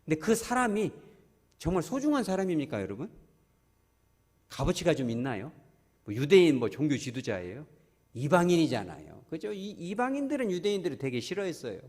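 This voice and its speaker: A man's voice: on the high side, a little fast, big-room sound. A male pastor preaching a Sunday sermon, questioning his congregation and acting out voices. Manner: animated, asks the congregation questions. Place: church sanctuary.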